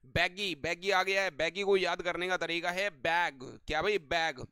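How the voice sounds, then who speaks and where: A man with a high, smooth, ringing voice runs an online vocabulary lesson. He keeps repeating stock affirmations and throws quick questions at his viewers. The sound is close and dry, with no room around it. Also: sharp tone, no room sound. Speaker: English vocabulary teacher.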